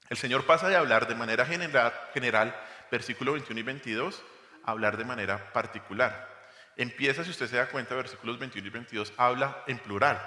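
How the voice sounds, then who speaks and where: A man's voice: mid-range voice, bright, forceful tone. Emphatic preaching man in an echoey hall. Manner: emphatic preaching with rhetorical questions to the congregation. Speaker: pastor. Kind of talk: expository sermon. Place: church hall.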